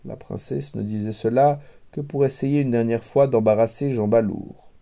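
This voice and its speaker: A man narrating a fairy tale aloud in a measured, wry storytelling manner. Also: mid-range voice, fairly even intonation, creaky, mellow. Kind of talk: storybook reading.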